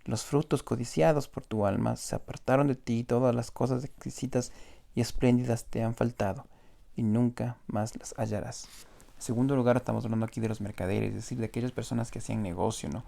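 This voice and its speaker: A man teaches scripture in a sermon, walking through each verse and checking in with rhetorical questions. His voice is heavily gravelly and mellow in tone, at an ordinary male pitch. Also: steady tone, fairly quick. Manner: explanatory, asks rhetorical "¿no?" often. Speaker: preacher.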